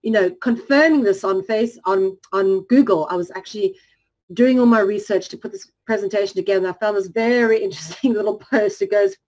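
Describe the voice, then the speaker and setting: A woman with a mid-range, slightly mellow voice gives a lecture-style presentation over poor audio. She speaks in a measured way, with frequent ums and restarts, slowly drawing out key words.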